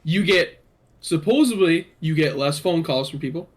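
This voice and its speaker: A man's voice: on the high side, lively intonation, moderate pace. A man co-hosting a podcast, explaining a game update in a laid-back, hesitant way. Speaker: podcast co-host. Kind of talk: casual podcast chat.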